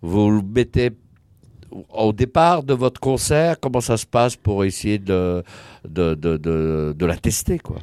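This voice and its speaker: A man co-hosting a radio interview, asking questions haltingly and repeating words while he searches. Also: lowish voice, darkish tone, smooth, no echo.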